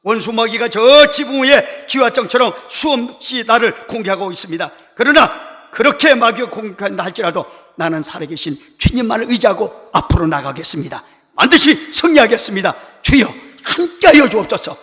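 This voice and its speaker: A man's voice: sits high, animated, a little fast, sharp tone. A man acting out a fervent middle-aged male reformer who scolds his wife and then prays urgently. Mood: fervent prayer. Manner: rebuking, then fervently praying. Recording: reverberant church hall.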